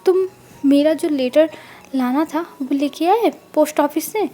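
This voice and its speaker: A woman's voice: high-pitched, a little slow, warm tone. Brief: woman storyteller doing a cruel scolding father in a spoken storybook. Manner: scolding, contemptuous. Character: harsh, stern middle-aged father, scolding.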